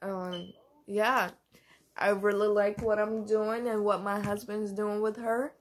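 A young woman vlogging about motherhood in a casual, candid way, with many fillers and pauses. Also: medium pitch, little pitch movement. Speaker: mom vlogger. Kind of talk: casual vlog talk.

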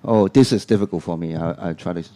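Mellow, low-voiced man. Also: fast. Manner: hesitant, with many fillers and restarts, laughing along. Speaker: co-host and learner. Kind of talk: casual lesson banter.

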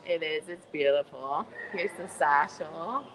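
A woman in her fifties walks through a shop while streaming live on her phone. She talks at an easy, unhurried pace, gushing over what she sees, laughing a lot and greeting viewers by name. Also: deep voice, fairly bright tone, poor audio. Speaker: vlogger hosting a live stream. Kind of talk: chatty live shopping stream. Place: indoor retail shop.

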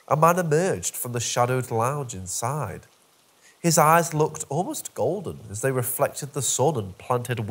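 A man narrating a scripted first-person horror story with wry, dark humour. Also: medium pitch, slightly rough.

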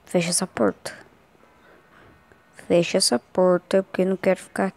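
A woman's voice: on the low side, completely flat delivery, normal speed, darkish tone, no room sound. A Brazilian woman giving casual, scared and anxious commentary while playing a horror game, often repeating short phrases. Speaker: gaming streamer.

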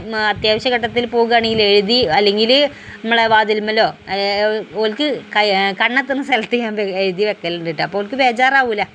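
A woman's voice: medium pitch, fairly bright tone, slight background noise. A middle-aged woman, chatting through her day in a rambling, casual vlog narration. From Kerala, India. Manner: chatty, rambling, frequent tag words. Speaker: vlogger.

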